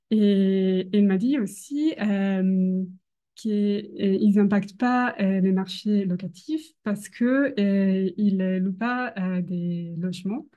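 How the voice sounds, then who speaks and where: A young woman with a foreign accent, a non-native speaker, gives an academic presentation hesitantly, often pausing to search for words. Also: mid-range voice, mellow. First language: not French. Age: young adult. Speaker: doctoral researcher presenting.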